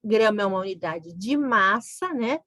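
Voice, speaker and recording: A woman's voice: medium pitch, expressive, moderate pace, pushed and bright, no echo. A woman teaching a grammar lesson, explaining patiently and checking in with the listener. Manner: explains patiently, often adds "né?".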